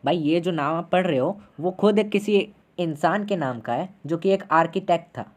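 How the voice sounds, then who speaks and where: A man's voice: on the high side, normal speed. A man teaching an online class lecture in a casual, chatty way, constantly checking in with his students.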